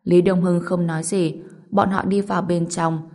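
A woman narrating an audiobook story in a steady, brisk storytelling manner. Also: on the low side.

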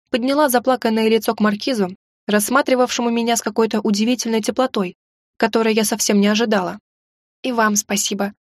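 A woman reading a first-person audiobook with expressive, emotional storytelling. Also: on the high side, dry recording, studio quality. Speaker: audiobook narrator.

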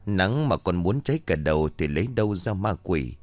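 A man's voice: sits low, big pitch swings, brisk, no room sound. A man narrating a ghost story, voicing each character's lines himself.

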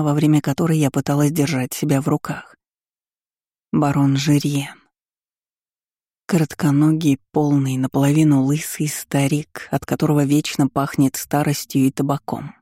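A woman narrating a story in the first person, in a calm, measured, subdued way. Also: low-pitched, no room sound, clean studio sound.

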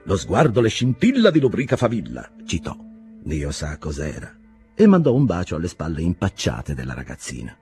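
A man narrating a literary novel as an audiobook, with expressive, lively storytelling. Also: low-pitched.

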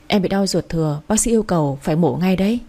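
Here is a woman doing a gentle, caring young man from a storybook romance. His tone is mellow and soft-edged, and he speaks calmly and kindly. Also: fairly low pitch, quick pace. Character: kind young man who rescues heroine.

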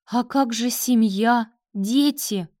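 A woman voicing a shocked older mother who laments loudly. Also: on the high side, slow pace, no room sound, studio quality, pitched above the performer's own voice. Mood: distraught.

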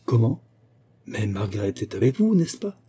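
Male narrator voicing older widowed mother, fretful and reproachful, husky and dark. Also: mid-range voice, moderate pace, natural voice.

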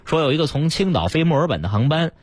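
Male radio host, husky, lively pitch, casual storytelling chat. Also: quick pace, no room sound. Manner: chatty, retells news stories with lots of fillers. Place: radio studio.

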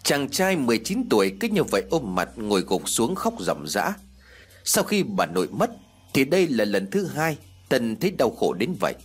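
A man narrating an audiobook ghost story in expressive storytelling fashion. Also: mid-range voice, moderate pace, breathy edge.

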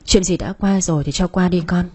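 A woman voicing a loving middle-aged mother who speaks tenderly and coaxingly, low and husky. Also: a little fast, warm tone.

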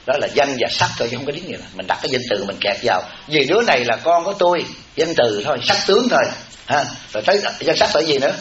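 Male monk, higher-pitched, folksy joking dharma talk; echoey, dull live recording, audience laughter behind. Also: lively intonation, very fast, fairly bright tone. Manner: folksy and teasing, repeats words for comic effect.

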